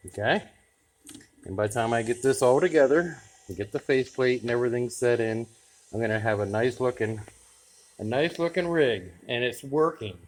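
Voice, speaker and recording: This man speaks at normal speed in a mid-range voice, talking to camera as a radio hobbyist vlogger. Relaxed and chatty, he thinks aloud while tinkering through a casual how-to.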